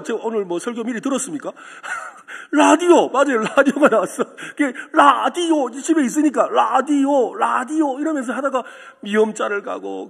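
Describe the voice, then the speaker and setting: A man's voice: extremely high pitch, creaky, fairly bright tone, slightly rough. A man preaching a sermon as pastor, telling a story and asking the congregation questions. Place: church sanctuary. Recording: echoey church hall with long reverb.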